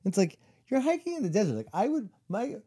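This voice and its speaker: A man's voice: high-pitched, big pitch swings, quick pace, warm tone, breathy edge. A man in his forties, co-hosting a casual chat and telling long stories full of "like" and "you know.". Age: 40s. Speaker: podcast co-host.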